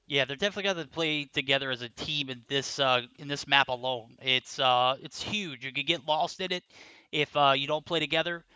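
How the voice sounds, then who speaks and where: A man calling a live esports match on a headset mic, his voice extremely bright and crisp. He talks in a loose, jokey way between the play-by-play, and the sound is dry and close. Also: medium pitch, brisk, no room sound, highs cut off. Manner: chatty and jokey, with many fillers. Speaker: esports caster.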